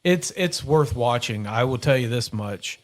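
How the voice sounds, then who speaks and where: A man's voice: medium pitch, animated, a little slow. A middle-aged man hosting a casual podcast, rambling and correcting himself, with easy laughs. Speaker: podcast host. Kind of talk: casual chat.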